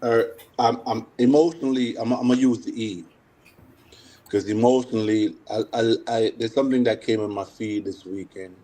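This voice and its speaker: A man talking casually as a show panelist, haltingly repeating his words as he goes. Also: mid-range voice, fairly even intonation, warm tone. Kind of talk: casual group chat.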